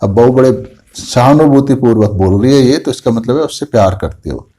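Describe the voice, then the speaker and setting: Mellow-voiced man explaining a case. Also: medium pitch, lively intonation, normal speed. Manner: retells a patient's words, then explains them. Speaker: homeopathic doctor.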